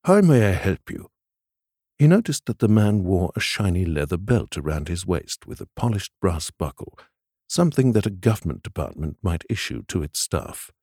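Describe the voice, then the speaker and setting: A man narrating a novel in a measured, expressive storytelling manner. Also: low voice, breathy edge, no room sound, studio quality. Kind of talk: scripted audiobook narration.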